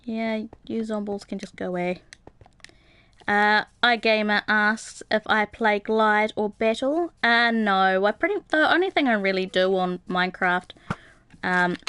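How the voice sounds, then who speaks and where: A young woman talks through a live game stream, loose and chatty, reading out viewer messages between lots of ums. Her voice is smooth and clean at an ordinary pitch, with typing on a keyboard now and then. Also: steady tone, a little slow, fairly bright tone. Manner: chatty, many ums and uhs, reads out viewer comments, light laughs. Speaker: gaming livestreamer. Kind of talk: casual live-stream chat while playing.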